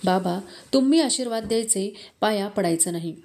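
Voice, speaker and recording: A woman reading the lines of a gentle, humble and sorrowful king in an audiobook of a historical novel, speaking softly and respectfully. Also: medium pitch, lightly acted. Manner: soft, respectful, measured.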